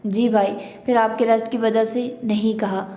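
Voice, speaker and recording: Timid young heroine, stammering and anxious, flat dark delivery in an echoey room, read by a woman narrator. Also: a little high, normal speed, natural voice. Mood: earnest. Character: shy timid young woman, easily flustered.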